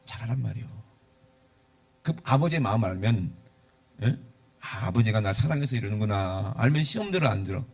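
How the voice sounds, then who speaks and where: A man's voice: on the low side, animated, fairly quick, a little mellow. A middle-aged male pastor, preaching conversationally with rhetorical questions. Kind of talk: sermon.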